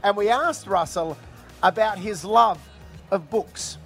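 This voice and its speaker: A man's voice: high voice, slow pace, fairly bright tone, soft background music. A man with an Australian accent co-hosting a breakfast radio show in casual, bantering style.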